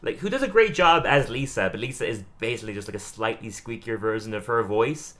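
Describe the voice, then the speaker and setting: A man's voice: medium pitch, brisk. A young adult man co-hosting a podcast, casually recapping a cartoon episode with lots of laughs and acted-out quotes. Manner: animated, laughs often, acts out quotes. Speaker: podcast co-host.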